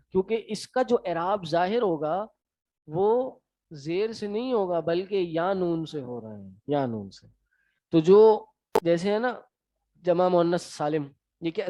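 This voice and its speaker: High-voiced man teaching a class. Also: a little mellow, dry recording. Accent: Pakistani Urdu. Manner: quizzing students, brisk and encouraging. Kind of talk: classroom lecture. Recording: dry, slightly dull sound.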